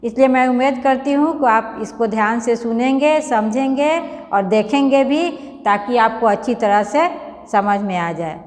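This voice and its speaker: A woman teaching young children a grammar lesson, patiently repeating each word slowly for them to read aloud and coaxing them along. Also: a little high, in a large hall. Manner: calls the children beta, coaxing. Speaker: primary school teacher.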